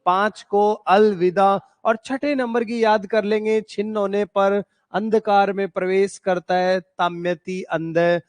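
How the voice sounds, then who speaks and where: In a coaching classroom, an Ayurveda teacher with a high voice and a slight tinge gives a lecture built on memory tricks, slowly dragging out and repeating each term and spelling out mnemonics. His pitch barely moves and the sound is dry and close with no room sound. He's chatty and asks students questions.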